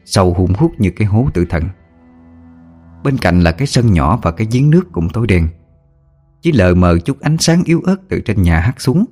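A man narrating a scripted horror story with dramatic, expressive storytelling. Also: sits low. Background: faint music.

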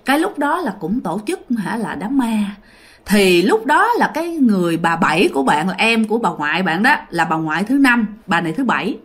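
A woman's voice: medium pitch, sing-song, brisk, a bit bright, husky. A woman with a Southern Vietnamese accent telling a ghost story in a casual, chatty way, talking directly to her listeners.

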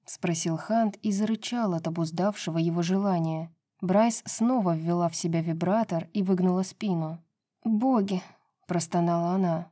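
Low, mellow woman narrating an audiobook. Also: steady tone, normal speed, few pauses. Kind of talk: scripted narration of a romance novel.

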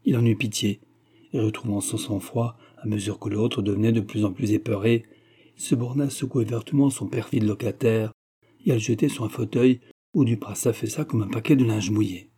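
A man reading a classic novel aloud in a measured, even narration. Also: lowish voice, husky. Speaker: audiobook reader. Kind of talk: scripted narration.

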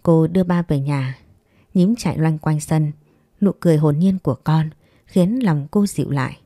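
A woman narrating a romance story aloud in a calm, even storytelling manner. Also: low-pitched, moderate pace, no room sound, clean studio sound. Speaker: audiobook narrator. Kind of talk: scripted narration.

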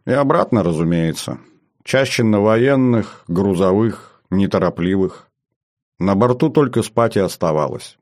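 A man reading the part of a calm, matter-of-fact man who once flew long military cargo flights, in an audiobook. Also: fairly low pitch, measured pace.

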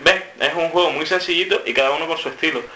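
A man's voice: on the high side, quick pace, pushed and bright. A man co-hosting a podcast, leading the chat and explaining with examples. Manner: explains with examples, leads the talk. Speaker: podcast co-host. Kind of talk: casual roundtable chat. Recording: echoey room with faint hiss.

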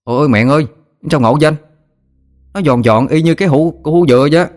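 A man's voice: medium pitch, expressive, fast talker, pitched above the performer's own voice, lightly acted. A man with a Southern Vietnamese accent voicing a young village boy who pouts, whines and boasts. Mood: excited. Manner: pouting, whiny, cocky.

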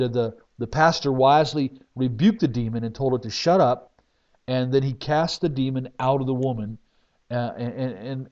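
A man preaching as a pastor, telling stories in an emphatic way with sudden swings between loud and soft. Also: on the high side. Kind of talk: sermon testimony. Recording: dull lo-fi recording.

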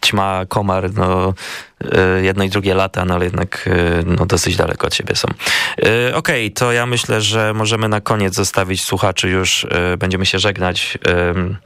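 Creaky low-voiced male radio host. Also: level tone, fairly bright tone, no echo, clean studio sound. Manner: hesitant, many filler sounds and pauses. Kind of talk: casual radio chat about Japanese words. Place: radio studio.

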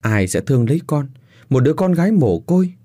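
A man's voice: medium pitch, very animated, normal speed, mellow, no room sound, clean studio sound. A man voicing a desperate, heartbroken young wife who pleads through tears. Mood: pleading, tearful. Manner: tearful pleading, raised voice.

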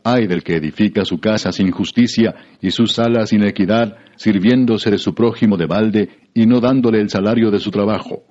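A man giving a measured, solemn scripted Bible reading, heard through a muffled radio broadcast. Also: lowish voice, darkish tone. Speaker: scripture reader.

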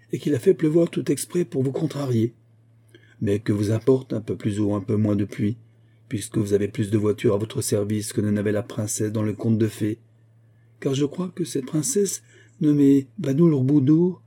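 A man's voice: dark tone, breathy edge. A man voicing a fussy, doting old female nurse who rambles on in a fairy-tale audiobook. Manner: fussy rambling, raised pitch.

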